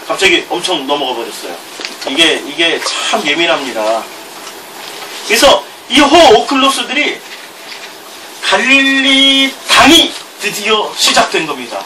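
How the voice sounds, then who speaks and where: Speaking at a normal pace in a high, very animated voice, a middle-aged male pastor with a Gyeongsang Korean accent reads scripture during his sermon and adds chuckling asides. The mic is distant and there's background noise.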